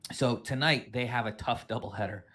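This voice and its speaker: A man's voice: mid-range voice, fairly quick, bright, forceful tone. A man hosting a live esports show, upbeat and asking his guest questions. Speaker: host.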